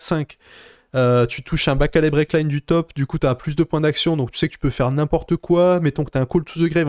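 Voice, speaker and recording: Man, casual live-stream chat, rambling and animated, smooth clear voice, dry close sound. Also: a little high, no echo. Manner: rambling, animated, reads viewer chat aloud. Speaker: card game player recapping a tournament.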